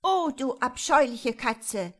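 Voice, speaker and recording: A woman reading a storybook, voicing an angry, quick-tempered servant woman who scolds loudly. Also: high voice, lively intonation, pitched above the performer's own voice, exaggerated voice. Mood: furious scolding. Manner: shouting, scolding.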